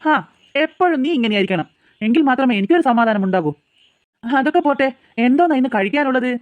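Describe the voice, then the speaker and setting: A woman's voice: high-pitched, lively intonation, quick pace, no room sound, narrow, tinny audio. A woman voicing a cheerful middle-aged father in a cartoon, teasing and fond with his family. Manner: fond, chiding, joking. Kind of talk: cartoon voice acting.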